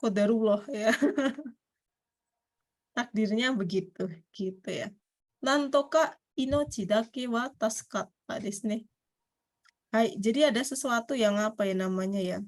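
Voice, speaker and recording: A woman teaching a Japanese class in a chatty, casual way, laughing often and reading example sentences out slowly. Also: a little high. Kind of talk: casual online class explanation.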